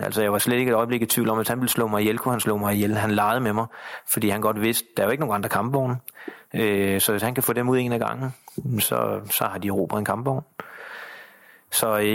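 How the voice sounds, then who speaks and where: Lower-voiced man recounting combat, halting. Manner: halting, many fillers and restarts. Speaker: interview guest, soldier. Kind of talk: personal war account in interview.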